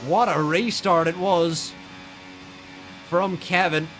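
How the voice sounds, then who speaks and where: A man giving live motorsport commentary on an online racing league in an excitable manner. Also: high voice, slow pace, faint music behind, poor audio. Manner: excitable, builds to shouting during incidents.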